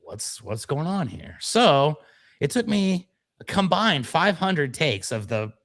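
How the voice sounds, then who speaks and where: A man's voice: fairly high pitch, big pitch swings, takes it slowly, a bit bright. Self-deprecating man co-hosting a casual show. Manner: self-deprecating, storytelling, mock-dramatic. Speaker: show co-host and voiceover performer. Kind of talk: casual radio-show banter.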